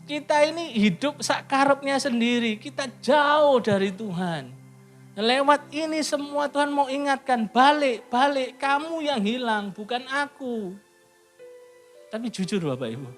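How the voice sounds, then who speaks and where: A middle-aged man preaching a sermon in church, swinging from lively high calls to a near hush, with a lilt. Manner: animated preaching, rising high then dropping to a near hush. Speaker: pastor. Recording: soft piano music behind.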